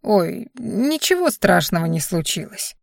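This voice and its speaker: Woman doing an old grandfather in an audiobook, slow grumbling lines, low-key and quiet, dry close sound. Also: big pitch swings, creaky, no echo, full character voice. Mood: sheepish. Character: elderly father-in-law, grumbling, sheepish.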